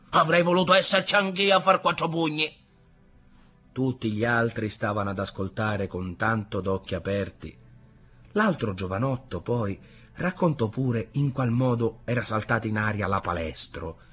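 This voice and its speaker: Guy reading a classic novel aloud, measured and low, husky and bright tone. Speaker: audiobook narrator. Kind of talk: literary audiobook narration.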